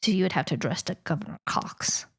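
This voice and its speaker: A woman co-hosting a podcast, tossing in skeptical questions and quick asides in casual chat. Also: lowish voice, expressive, vocal fry, breathy edge. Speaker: podcast co-host.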